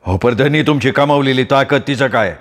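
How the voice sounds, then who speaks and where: A man's voice: mid-range voice, normal speed, big-room sound, close to an everyday voice. A male storyteller playing a fierce, burly village guard who talks bluntly and defiantly.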